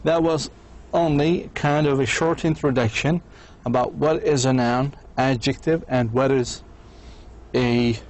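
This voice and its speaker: A man giving a university English lecture, explaining slowly in Arabic and sounding out English example words. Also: mid-range voice, fairly even intonation, a little mellow. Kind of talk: distance-learning lecture.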